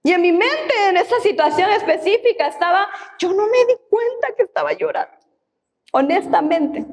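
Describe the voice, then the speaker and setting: A woman's voice: extremely high pitch, animated, moderate pace. A woman pastor, preaching a sermon in church and repeating key phrases for emphasis.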